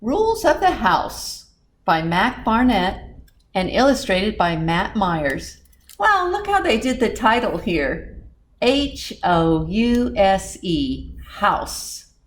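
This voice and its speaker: A children's librarian reads a storybook at storytime in a slow, medium-pitched voice with big pitch swings. She's animated and expressive, speaking asides directly to her young listeners.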